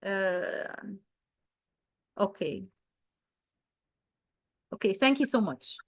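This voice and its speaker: A woman's voice: medium pitch, lively intonation, extremely slow, no echo. Dry-voiced woman presenting a webinar. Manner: hesitant, many fillers and restarts. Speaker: webinar presenter, wellsite geologist. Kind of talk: answering questions in a live webinar.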